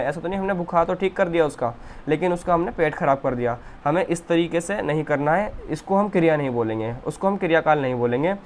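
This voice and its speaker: A man's voice: fairly high pitch, a little hiss or hum. A young man teaching an Ayurveda lesson, explaining step by step as he writes, often checking in with "okay". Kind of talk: whiteboard lecture.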